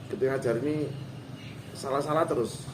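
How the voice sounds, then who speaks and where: A man's voice: medium pitch, fairly even intonation, brisk. Guy teaching quran reading, chatty and chuckly, echoey room w a bit of noise. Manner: folksy, chuckling, acts out short quotes. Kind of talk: informal religious lesson. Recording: roomy hall with faint background noise.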